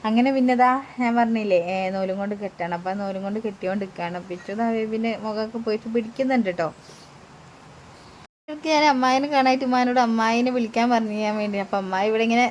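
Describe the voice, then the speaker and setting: A young woman narrating a family vlog in a chatty voice-over, tagging her sentences with a friendly "tto" and pausing on filler sounds. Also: on the high side, a little hiss or hum. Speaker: family vlogger.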